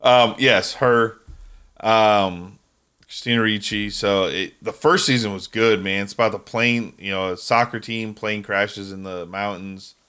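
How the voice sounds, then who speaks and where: A man's voice: fairly low pitch, steady tone, unhurried, sharp tone, clean tone. A man co-hosting a casual podcast, rambling and chatty, often tripping over names. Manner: rambling, stumbles over names, laughs easily. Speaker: podcast co-host. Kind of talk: casual chat.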